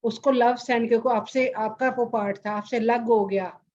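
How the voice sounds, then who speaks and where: A woman meditation teacher on an online group call, gently reassuring participants and repeating her phrases. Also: on the high side, fairly even intonation, moderate pace, highs cut off. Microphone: video call.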